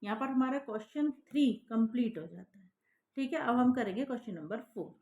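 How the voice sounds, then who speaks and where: A woman's voice: fairly high pitch, a little fast, darkish tone, highs cut off. Patient woman teaching maths. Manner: patient, checks in with repeated "thik hai" and "hai na". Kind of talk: step-by-step classroom maths explanation.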